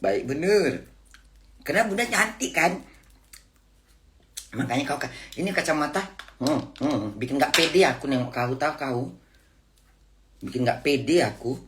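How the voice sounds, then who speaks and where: A middle-aged woman, telling a story in a casual vlog. She is playful and giggly and drifts into soft, whiny baby talk. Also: extremely low pitch, lively intonation, a little slow, pauses often. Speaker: vlogger.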